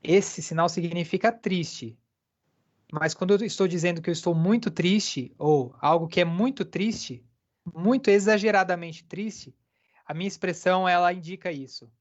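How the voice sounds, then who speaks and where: An interpreter voicing a deaf lecturer live, speaking haltingly with many filler pauses. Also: medium pitch, dull audio.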